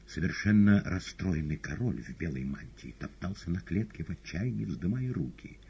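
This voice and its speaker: A man reading an audiobook novel in a calm, steady narration. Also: sits low, normal speed, vocal fry, slightly rough. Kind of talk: scripted narration. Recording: dull lo-fi audiobook recording.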